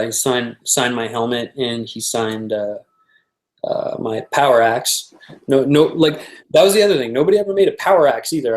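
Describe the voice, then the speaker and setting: A man's voice: medium pitch, roomy sound, poor audio. A man guesting on an interview, chatting casually about his prop making, rambling with lots of fillers and restarts.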